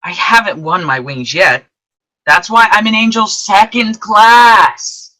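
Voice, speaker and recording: An actor voicing Clarence, an earnest second-class guardian angel, with animated, emphatic delivery in an old-time radio play. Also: medium pitch, slow.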